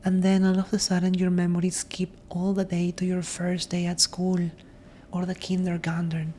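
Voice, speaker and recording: A woman speaking in a soft, breathy ASMR voice that often drops into a whisper, gentle and reflective, as if helping someone sleep. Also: lowish voice, completely flat delivery, moderate pace, slight background noise. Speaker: ASMR host.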